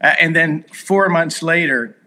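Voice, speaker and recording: A man in his sixties from the United States, whose first language was Hungarian, is a podcast guest who tells long, earnest stories packed with fillers. His voice is fairly high, pushed and bright, with a measured pace and slight background noise.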